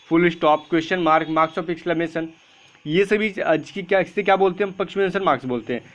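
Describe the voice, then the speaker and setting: A man's voice: high-pitched, fairly bright tone, lo-fi sound. A man teaching an online English class for exam prep, explaining step by step and asking and answering his own questions.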